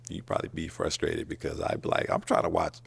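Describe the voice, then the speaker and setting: A man's voice: extremely low pitch, completely flat delivery, fast talker, gravelly, slight background noise. A man on a dating show, talking casually and hesitantly with a lot of fillers. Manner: hesitant, many fillers, easygoing.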